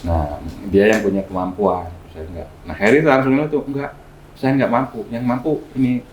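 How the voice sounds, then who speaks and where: A man, a guest healer, telling a story in casual chat, lively and acting out the dialogue he quotes. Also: medium pitch, brisk, a little hiss or hum. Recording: echoey room with faint music.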